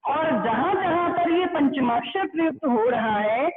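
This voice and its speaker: A woman teacher giving an online grammar lesson, explaining slowly and repeating key points to her students. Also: high-pitched, expressive. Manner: slow, repeating explanations, addressing students as beta. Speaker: school teacher. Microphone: blackboard class recorded. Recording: tinny phone-like sound with crowd noise.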